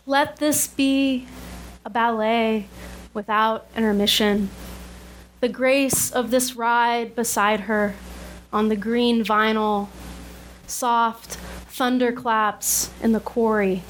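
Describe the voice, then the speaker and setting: A woman reads a poem at a live reading, her voice a little high. She takes the lines slowly and gently, lingering over the images. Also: steady tone, rough recording.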